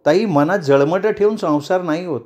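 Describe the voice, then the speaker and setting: A man's voice: sits high, normal speed, darkish tone, pitched above the performer's own voice, lightly acted. A man doing a proud woman politician. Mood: confident. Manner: firm, cutting, self-assured.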